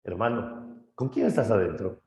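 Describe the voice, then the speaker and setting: A man voicing a group of concerned cyclops brothers, calling out loudly, in an echoey room. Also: lowish voice, big pitch swings, normal speed, vocal fry.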